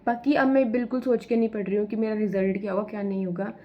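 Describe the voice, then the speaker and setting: A woman's voice: mid-range voice, level tone, quick pace, muffled recording, slight background noise. A young woman talking casually in a study vlog, chatting and mixing English phrases into her Hindi. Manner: chatty, mixes English phrases into Hindi, says "yaar" often. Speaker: vlogger preparing for civil services exam.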